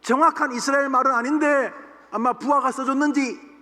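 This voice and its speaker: A man with a strikingly high voice delivers a Sunday sermon from the pulpit. He tells the Bible story in an animated way and reads scripture aloud. His words ring out through a large sanctuary with a long, lingering reverb. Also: brisk. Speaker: senior pastor. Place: church sanctuary.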